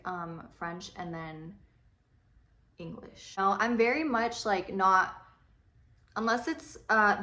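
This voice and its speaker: A woman's voice: mid-range voice, fairly bright tone. A young woman chatting casually in a rambling, chatty way, swearing now and then while she does her makeup. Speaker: beauty vlogger. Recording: roomy echo.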